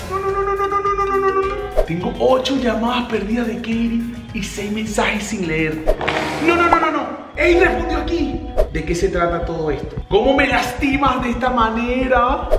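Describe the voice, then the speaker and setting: A man filming a prank vlog, talking fast and nervously and repeating himself. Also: extremely high pitch, reverberant. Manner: anxious, jumpy, repeats "no, no, no". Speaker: vlogger pulling a prank.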